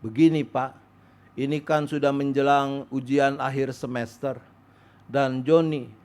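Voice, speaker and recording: A man voicing a stern male university dean who explains a matter in a formal, calm way. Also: mid-range voice, natural voice.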